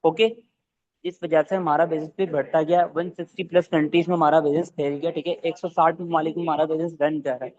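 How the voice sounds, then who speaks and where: Man, team trainer, fast and quizzing, slightly high voice, muffled dry sound. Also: flat delivery, a little mellow. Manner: rapid-fire, quizzing listeners with either-or questions. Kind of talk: online training session.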